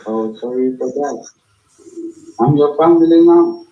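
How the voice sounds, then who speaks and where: A man on a phone call as a scammer, speaking in halting, broken English. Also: on the high side, reverberant.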